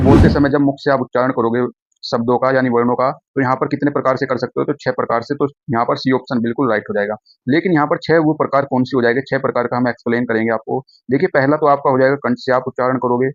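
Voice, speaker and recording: Guy teaching exam prep, talks fast, kinda dull muffled sound. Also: medium pitch, no echo. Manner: brisk, repetitive, calls students friends. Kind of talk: online exam-prep lecture.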